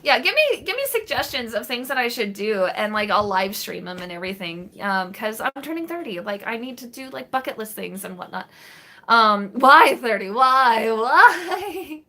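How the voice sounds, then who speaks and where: Her voice high, bright and pushed, and very animated at a normal pace, a woman in her late twenties rambles to her live-stream viewers while answering their chat. She uses lots of fillers and restarts, recorded by webcam in a small bedroom in front of a green wall.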